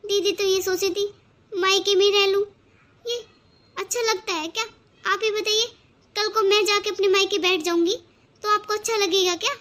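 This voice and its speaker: A patient, gentle young daughter-in-law from a cartoon story. The voice is very high and bright. She reasons calmly and coaxes kindly. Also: moderate pace, pauses often, slight background noise. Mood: coaxing. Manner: calm, coaxing.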